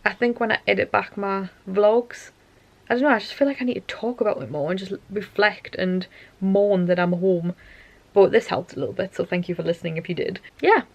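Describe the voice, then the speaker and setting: This vlogger is a young woman worn out and hoarse, chatting aimlessly to camera at home in the night and breaking off her own sentences. She speaks briskly in a creaky mid-range voice with fairly even intonation, and there's no echo.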